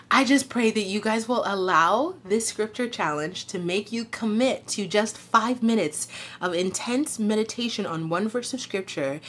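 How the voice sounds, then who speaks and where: Woman with a rough morning voice, fervent. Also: on the low side. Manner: fervent, preachy, quick asides. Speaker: faith vlogger. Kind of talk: casual devotional vlog.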